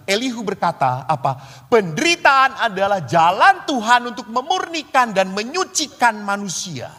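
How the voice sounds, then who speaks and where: A middle-aged man, a priest, preaching a sermon and telling a story with acted-out dialogue. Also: sits high. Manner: lively storyteller acting out dialogue. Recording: long church reverb.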